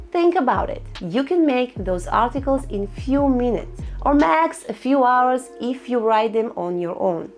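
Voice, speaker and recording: A female host whose first language is Russian voices a screen-recorded tutorial on making money online. Her fairly high voice is instructional and a bit cheeky over a soft music bed.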